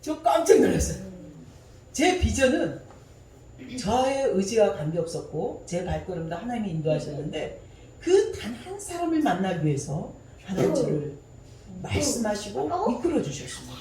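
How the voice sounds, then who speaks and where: A woman's voice: medium pitch, dark tone, reverberant, distant mic, slight background noise, rough recording. A woman giving a personal testimony during a church service, telling her story vividly and often laughing.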